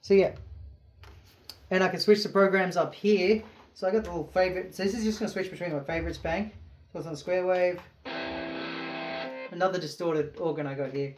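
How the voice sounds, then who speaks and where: A man's voice: high voice, fairly even intonation, fairly quick, pauses often, distant mic. A man casually reviewing keytars in his small home studio, rambling and enthusiastic, with many fillers. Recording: roomy studio with keyboard music behind.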